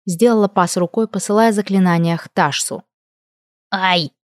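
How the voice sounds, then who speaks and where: A woman narrating a first-person fantasy audiobook in a lively, expressive way on a close mic. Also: on the low side, quick pace, no echo.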